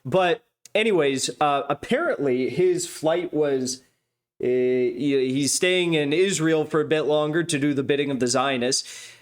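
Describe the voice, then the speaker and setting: A man's voice: fairly high pitch, unhurried. Rambling sardonic male stream host. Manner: rambling and sardonic, mocking asides. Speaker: livestream news host. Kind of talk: casual off-the-cuff monologue.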